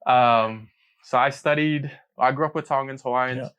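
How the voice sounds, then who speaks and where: A man's voice: mid-range voice, fairly even intonation, normal speed, a bit bright, lo-fi sound. A young man co-hosting a podcast, chatting casually in an upbeat, joking way with slang. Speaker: podcast co-host.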